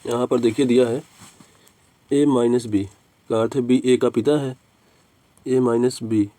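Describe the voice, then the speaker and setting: A man's voice: mid-range voice, steady tone, measured pace, warm tone. A man with a Hindi accent teaching an exam reasoning lesson, talking through each step and repeating it, and calling his viewers friends.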